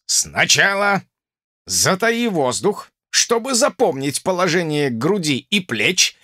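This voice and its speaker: Man voicing a stern drill officer, barking commands, bright tense voice, very lively delivery. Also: fairly high pitch, no echo, studio quality, voice pushed up, full character voice. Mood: instructive. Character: stern sharp-tongued male army drill officer.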